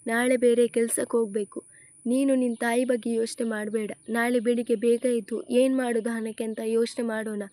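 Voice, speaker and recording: Lady reading as a kind young girlfriend, soothing and firm, highish voice, dry close sound. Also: level tone, fairly quick, warm tone, no echo, natural voice. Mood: gentle. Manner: comforting, reassuring. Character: caring young woman friend, soothing and firm.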